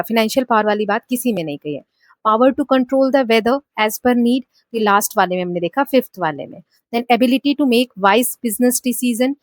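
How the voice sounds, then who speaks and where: A woman teacher with an Indian English accent talks students through a textbook lesson. Her voice sits a little high, and she reads the English lines slowly before explaining them. The sound is close and dry, with no room echo. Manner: checks in with "है ना?".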